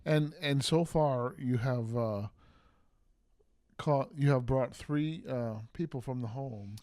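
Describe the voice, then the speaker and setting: Man, middle-aged, podcast co-host, measured and affirming, mid-range voice, dry recording. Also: mid-range voice, a little mellow, dry recording. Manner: measured, affirming, speaks of God and ministry. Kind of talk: casual family podcast chat.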